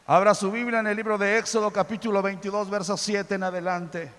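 A man preaching a sermon as a pastor, impassioned and building to loud exclamations. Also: sits high, little pitch movement, a little fast, big-room sound.

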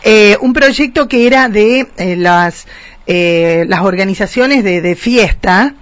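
A woman's voice: mid-range voice, slow, no room sound. Female radio host, casual and chatty, dry muffled lo-fi sound. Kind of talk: radio interview. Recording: dull lo-fi dry radio recording.

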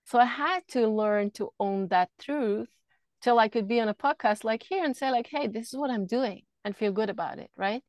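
A woman's voice: fairly high pitch, normal speed, no echo. Earnest Swiss-raised woman, dry close sound. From Switzerland. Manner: earnest, flowing, repeats words while thinking. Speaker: podcast guest, energy healer. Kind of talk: casual interview talk. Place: camper van.

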